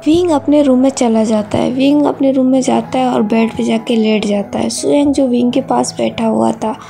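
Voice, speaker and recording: Woman reading a story, gravelly low-toned voice. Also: moderate pace. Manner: calm, even storytelling with plain character voices. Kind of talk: reading a fan fiction story aloud.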